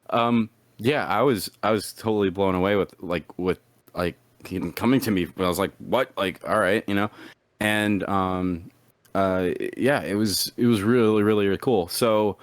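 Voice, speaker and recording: A man's voice: lowish voice, unhurried, no room sound. A man guest in a casual interview, talking in a rambling way with many restarts and acted-out asides. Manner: rambling, repeats words, acts out his own past thoughts in a raised voice. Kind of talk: casual chat.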